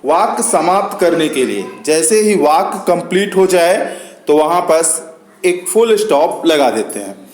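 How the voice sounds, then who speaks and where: A man with an Indian accent explains grammar to students, going slowly and patiently and repeating each point. His voice sits high for a man. The sound echoes around the room. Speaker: teacher.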